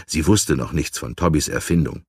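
A man in his sixties reading a children's story aloud, calm and gently amused. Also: very deep voice, normal speed, slightly rough, dry recording, studio quality. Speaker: narrator.

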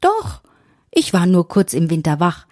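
A woman voicing a small, friendly, cheerful female elf in a high, chirpy way. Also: huge pitch swings, a little slow, darkish tone, dry recording, clean studio sound, full character voice.

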